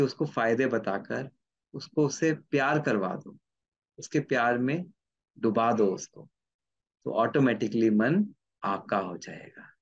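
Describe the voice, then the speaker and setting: A man's voice: on the low side, husky. A man lectures as a neurologist, posing questions aloud and answering them himself. He returns to his key points again and again. The recording sounds a little dull and lo-fi. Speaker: neurologist giving a talk. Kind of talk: explanatory lecture.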